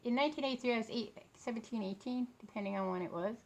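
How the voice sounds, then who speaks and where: A woman in her late fifties vlogs about books and authors, chatting casually and rambling while tired, with a sore throat and a swollen lip that makes her speech a bit funny. Her voice is on the high side and darkish, at a quick pace.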